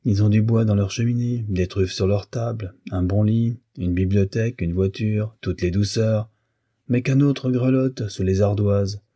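A man reading aloud voices a bitter, sarcastic young lawyer reproaching a friend, in a dark, husky voice. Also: on the low side, fairly even intonation, a little slow, no echo, studio quality.

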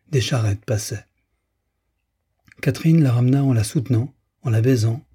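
Male audiobook narrator, steady measured reading, very dark and husky low voice. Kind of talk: scripted literary narration.

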